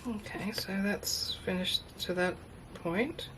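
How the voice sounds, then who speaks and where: A woman's voice: mid-range voice, slow, noisy background. A middle-aged woman casually thinking aloud through a craft demonstration, sounding tinny, as if in a tin can, on a built-in camera microphone. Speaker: craft video maker. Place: indoors at a craft table. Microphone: built-in camera microphone, overhead at a distance.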